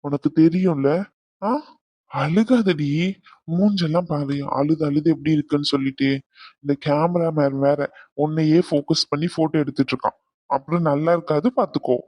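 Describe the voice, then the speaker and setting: A man voicing a doting young groom in a cartoon, soothing and coaxing his bride in a soft, teasing way. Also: a little high, steady tone, moderate pace, dry recording, natural voice. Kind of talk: cartoon voice acting.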